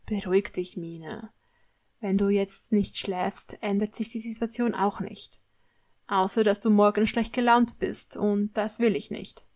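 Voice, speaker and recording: A woman reading a storybook part as a young man, speaking softly and calmly to comfort his lover. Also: medium pitch, a little slow, natural voice. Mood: calming.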